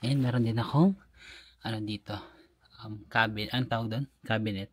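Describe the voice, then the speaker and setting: A man's voice: lowish voice, fairly even intonation, normal speed. A young Filipino man with a Filipino accent, chatting playfully as he narrates a casual travel vlog. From Philippines. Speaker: travel vlogger.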